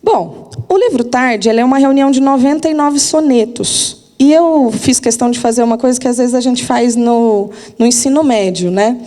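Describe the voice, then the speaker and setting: A woman's voice: fairly high pitch, normal speed, mellow, long reverb tail. A literature teacher, giving a casual, chatty lesson and often asking her students if they are following. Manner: chatty, informal, asks listeners for agreement.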